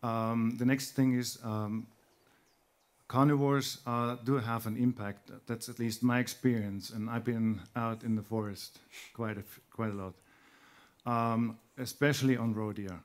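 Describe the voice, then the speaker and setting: A man's voice: medium pitch, steady tone, measured pace. A man speaking as a panelist and former gamekeeper, hesitant with frequent ums, on a conference stage. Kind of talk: panel discussion contribution. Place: conference hall stage, indoors.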